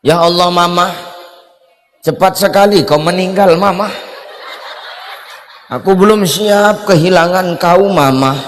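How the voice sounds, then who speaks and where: A man's voice: sits high, a little slow, long pauses. A man playing a husband who wails theatrically over his dead wife in a comic sermon sketch, with reverb around his voice. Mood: mock grief.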